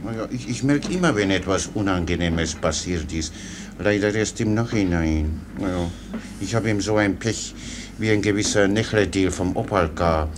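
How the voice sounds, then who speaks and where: In a German radio play, an actor voices a naive, talkative, foolish soldier orderly who rambles on deferentially, chatty and unruffled. His male voice is low-pitched and close to everyday speech, at a normal pace, with clear background noise in the recording.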